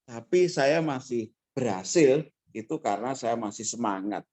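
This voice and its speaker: Fiery, animated man telling stories. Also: mid-range voice, normal speed. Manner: emphatic, fiery, swings between quiet asides and loud bursts. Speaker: guest speaker. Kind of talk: motivational storytelling talk.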